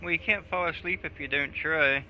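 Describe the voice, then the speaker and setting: Streaming a video game with a friend, a man with a slightly high voice chats casually at a moderate pace, his tone steady. He's laid-back, swears a lot and jokes around. The audio is slightly dull, with game music and slight background noise.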